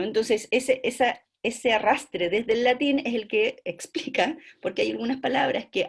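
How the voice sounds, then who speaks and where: A woman with a Chilean accent giving an online class to trainee teachers over a video call, explaining step by step and checking in with quick rhetorical questions. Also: lowish voice, breathy edge. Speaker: university lecturer for trainee teachers.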